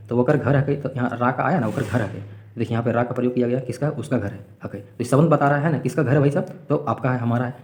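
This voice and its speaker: A man rattles through a grammar lesson for exam students at a brisk clip. His pitch sits in a middle range. He repeats each example and keeps asking his listeners rhetorical questions. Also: darkish tone. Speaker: teacher.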